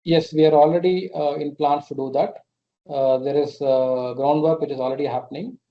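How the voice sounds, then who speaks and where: A man with an Indian accent and a fairly high, steady voice answers questions at a moderate pace as a company executive on an earnings call. He sounds hesitant, often repeating words while explaining, over muffled, band-limited conference call audio.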